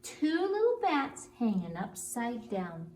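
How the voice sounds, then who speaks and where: A woman telling stories to young children in an animated story-time style. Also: a little high, slow. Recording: roomy, distant mic, faint noise.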